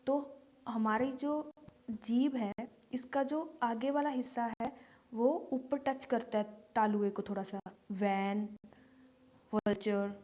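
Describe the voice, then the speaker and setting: Lady teacher going through letter sounds real slow, bit high voice, says every word twice. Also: mellow. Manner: patient, repeats example words slowly. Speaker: English teacher. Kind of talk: slow phonics lesson for beginners.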